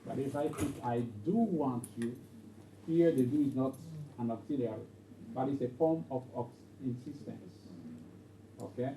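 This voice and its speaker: A man's voice: medium pitch, normal speed, warm tone. A man teaching an English grammar class, repeating points and checking with "okay?". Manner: repetitive, checks understanding with "okay?". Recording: roomy, distant, dull lo-fi, faint noise.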